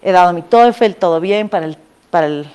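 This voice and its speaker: A woman gives an informal talk to a live audience as a former student, chatty and animated, with asides and questions to the room. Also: fairly low pitch, moderate pace, clear, resonant tone. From Bolivia. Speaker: invited speaker, former student and scholarship alumna.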